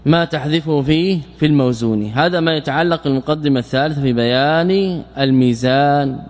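A man's voice: on the high side, a little fast, a little mellow. A man teaching Arabic morphology as a sheikh, repeating words and asking and answering his own questions. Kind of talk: classroom lecture explaining grammar. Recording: long reverberant hall.

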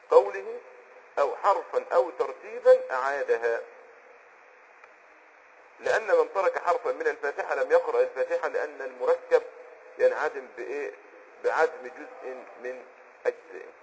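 A man with an Egyptian accent teaching Islamic jurisprudence in a conversational explanatory lesson, often pausing on a filler word while he hunts for a term and checking that the listener is following. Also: fairly high pitch, a little hiss or hum, low-quality recording. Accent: Egyptian Arabic. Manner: checks on the listener with quick asides.

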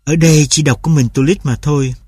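Brief: male audiobook narrator, steady storytelling voice, dry close sound. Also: fairly high pitch, a little fast, breathy edge, no room sound. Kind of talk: audiobook reading.

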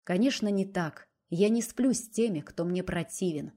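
A cold, insistent man who speaks in a low, coaxing tone with a curt edge, read by a woman narrator. The voice sits low and mellow, with a hard, controlling calm. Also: moderate pace, natural voice. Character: forceful domineering adult man, cold and insistent.

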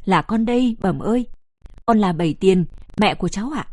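A woman's voice: medium pitch, expressive, moderate pace, a little mellow, no echo, studio quality, natural voice. Tearful young soldier woman, as a narrator reads her. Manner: tearful, humble.

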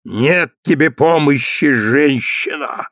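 Man playing a grim vengeful husband, slow heavy deliberate threats, dry close sound. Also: fairly high pitch, expressive, dry recording. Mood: menacing bitter. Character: vengeful knife-wielding husband, bitter and menacing.

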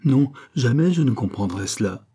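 A proud, imperious queen speaks in an audiobook, her words commanding and haughty. A man voices her, his tone mellow and a little husky, never shrill. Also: animated, normal speed. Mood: indignant. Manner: imperious, pleading then commanding.

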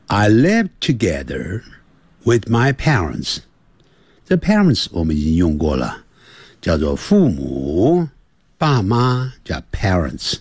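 A man teaching English on the radio, explaining grammar and drilling pronunciation with slow, repeated words in a playful, lively manner. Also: sits low, slightly rough, dry recording.

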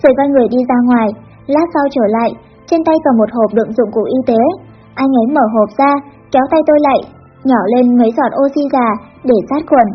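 A woman reading a teen story aloud with an even, expressive narration. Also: high-pitched, fast talker, breathy edge. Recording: dull lo-fi with faint music.

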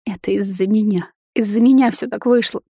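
A woman's voice: fairly low pitch, fairly even intonation, a little fast, mellow, slightly rough, dry recording, studio quality. Sobbing guilt-ridden vampire mother, as a woman voices her. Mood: tearful.

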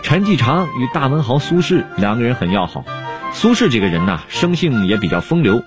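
A man narrating an anecdote as a program narrator, in a relaxed, chatty storytelling way. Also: medium pitch, a little fast. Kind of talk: storytelling commentary. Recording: clear background music.

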